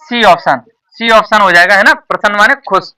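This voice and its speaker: A male tuition teacher walks a class through an exam paper, repeating each point and tossing questions back at the pupils. His voice is bright and forward. It is caught from a distance in the classroom, so it sounds a little far from the mic. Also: high voice, a little fast, smooth. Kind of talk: classroom exam-prep lesson.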